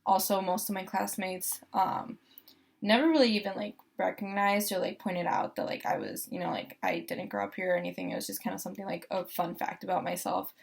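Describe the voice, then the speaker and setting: A woman's voice: medium pitch, expressive, a little fast, vocal fry, husky. A young woman from Costa Rica, a law student, talking casually about her experience with lots of fillers and restarts. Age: young adult. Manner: chatty, frequent fillers and restarts. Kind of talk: casual first-person testimonial.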